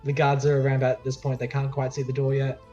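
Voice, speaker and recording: A man's voice: medium pitch, monotone, quick pace, dark tone. A man narrating a tabletop game as game master, casually and with hesitant, improvised phrasing. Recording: dull lo-fi audio, music underneath. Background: faint music.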